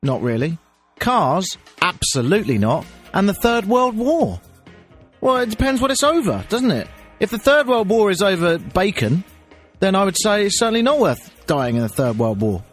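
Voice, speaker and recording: Exasperated male radio host, husky archive clip. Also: sits high, big pitch swings, normal speed. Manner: exasperated, mocking. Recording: older archive radio clip with music under.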